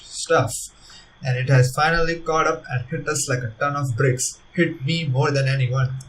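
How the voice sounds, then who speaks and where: A man narrating a story game in an earnest reading voice, pitched a little high. He sits slightly back from the mic. A faint hiss of noise runs under the recording. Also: far from the mic, poor audio. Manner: earnest reading, with laughing asides. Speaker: let's-play narrator.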